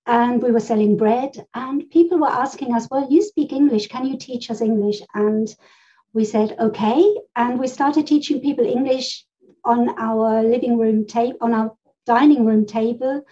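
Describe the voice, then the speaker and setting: Her voice a bit high and mellow, this German podcast co-host in middle age chats loosely, drifting through anecdotes with frequent laughter. She records in a room lined with books, and the sound is a little dull and rough.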